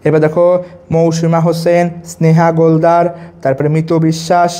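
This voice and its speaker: A man's voice: a little high, monotone, moderate pace, mellow. A young man teaching a live online chemistry lesson, drilling facts over and over and reading out the names of students who comment. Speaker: chemistry tutor.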